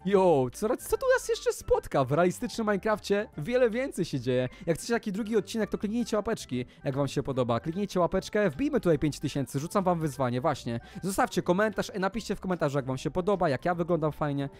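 A man hosting a game video, giving excited let's-play commentary and calling out straight to his viewers. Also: sits high, quick pace, hardly any pauses, soft background music. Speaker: gaming video host.

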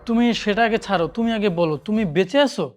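A man's voice: sits high, steady tone, brisk, lightly acted. A man playing an emotional husband in a short-film drama who is confused and grieving over his wife. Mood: bewildered. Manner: emotional, calls out names.

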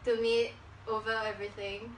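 Giggly and casual, a young woman makes prank calls while talking to the camera in her small living room. She speaks at a moderate pace in a mid-range voice with flat delivery. Captured by a camera a few steps off, the audio is roomy, noisy and distant.

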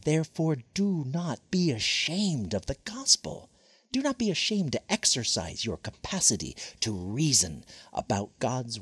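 A man preaching a scripted sermon in a solemn, emphatic voice that swells on key words and sinks low at the ends of phrases. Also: husky, no echo, clean studio sound.

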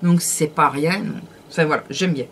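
A woman vlogger chatting through a casual beauty product review in a lowish voice. She talks in a hesitant, rambling way, full of fillers and little self-corrections. A faint hiss sits under her voice. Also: normal speed.

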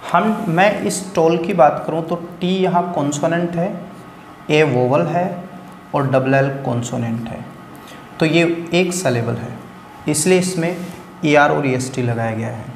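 A man's voice: fairly high pitch, unhurried. A man teaching English grammar in an exam-prep lecture, explaining step by step and often checking that students follow. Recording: echoey hall with faint hiss.

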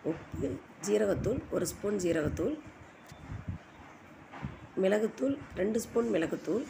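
A woman giving an informal recipe voice-over as a home cook, her voice hoarse and giving out. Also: mid-range voice, animated, a little slow. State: hoarse, voice giving out from a cold-weather strain. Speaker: home cooking video host. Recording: noisy home voice-over recording.

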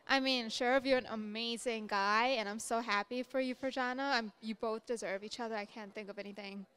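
A woman's voice: a little high, steady tone, a little fast, a bit bright, clean tone. A young woman giving a gushing, emotional wedding toast in a casual way.

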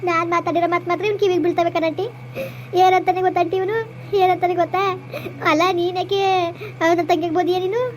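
A woman's voice: very high voice, little pitch movement, fast. A woman playing a tearful young village wife who complains about her husband in a comedy skit. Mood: aggrieved.

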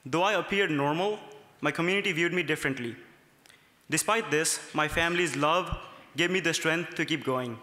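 A man's voice: a little high, moderate pace, sharp tone. Earnest young man from Nepal at a podium. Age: young adult. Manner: earnest, reading from notes. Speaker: student speaker. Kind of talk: prepared speech at a gala. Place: large ornate hotel ballroom. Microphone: podium microphones. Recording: long reverb of a large hall.

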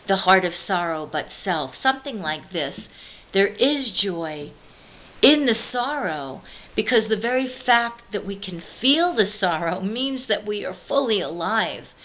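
A woman minister giving an earnest devotional message, pleading with listeners and slowing down on key words. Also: medium pitch, fairly bright tone, low-quality recording. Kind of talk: devotional preaching.

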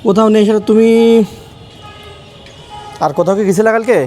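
A man's voice: sits high, steady tone, darkish tone, soft background music. A man, vlogging at home as he teases his wife and talks aside to his viewers. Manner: teasing, quick, asides to viewers. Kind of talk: casual vlog, talking to camera and wife. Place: home, rooms and rooftop.

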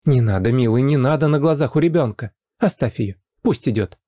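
A man voicing a scheming young wife who speaks quickly and sweetly, with a dark, dry voice raised in pitch. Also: animated, no room sound, natural voice. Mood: sweet, coaxing. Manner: fast, sugary, pleading then spiteful.

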